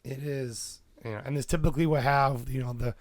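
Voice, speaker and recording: A man co-hosting a podcast, with a raspy voice gone hoarse from illness, explaining a topic steadily with fillers. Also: medium pitch, steady tone, brisk, dry recording, studio quality. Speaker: podcast co-host. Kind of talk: casual chat about tabletop games.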